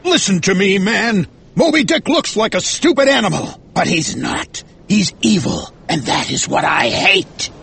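Fierce high-pitched Captain Ahab, obsessed. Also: male voice, very animated, a little slow, gravelly, fairly bright tone, slight background noise, full character voice. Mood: scornful, angry. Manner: roaring, intense, dramatic declaiming. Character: fierce, obsessed, vengeful whaling captain with an evil streak. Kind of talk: dramatized audiobook character voice.

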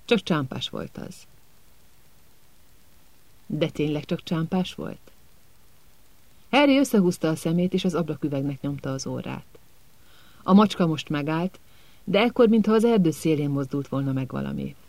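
A man narrating an audiobook in a calm, measured storytelling manner. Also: a little high, creaky, dry recording.

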